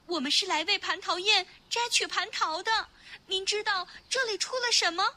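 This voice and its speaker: A woman's voice: extremely high pitch, normal speed, pushed and bright, voice pushed up, heavily acted. A woman voicing two anxious young palace maids in a storybook, speaking in squealing, breathless, worried voices. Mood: polite timid.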